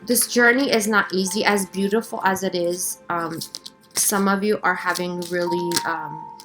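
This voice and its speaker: A woman speaks slowly as a spiritual card reader, halting and reflective as she guides her listeners. Her delivery is casual and reassuring, with frequent little check-ins, and faint-to-clear music plays behind her voice. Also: lowish voice, steady tone, rough recording. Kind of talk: casual spiritual channeling monologue with card reading.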